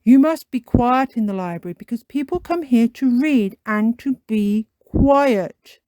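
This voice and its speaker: A woman's voice: on the high side, animated, unhurried, warm tone, dry recording, pitched above the performer's own voice. A woman voicing a mild, slightly pompous father pig who explains things patiently in a children's storybook. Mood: gently instructive.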